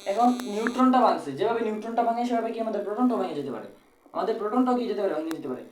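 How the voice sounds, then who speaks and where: A man's voice: high voice, expressive, very fast, reverberant, slight background noise, rough recording. A man with a colloquial Bangladeshi Bengali accent teaching an exam-prep physics lesson, repeating phrases and asking and answering his own questions. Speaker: physics tutor.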